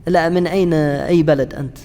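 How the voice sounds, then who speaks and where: A man teaching a class on Quranic interpretation, pausing often with fillers and restarts and asking his students questions. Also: a little high, steady tone, mellow, big-room sound. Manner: halting, frequent fillers and restarts, chats with students. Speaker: Islamic studies lecturer.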